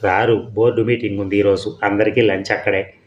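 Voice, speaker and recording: Man voicing a brisk middle-aged mother, evasive, low voice, audio story. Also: little pitch movement, muffled recording, lightly acted.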